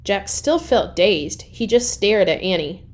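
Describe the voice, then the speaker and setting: A woman reads a children's chapter book aloud in a mid-pitched, expressive voice, using dramatic pauses to tell the story.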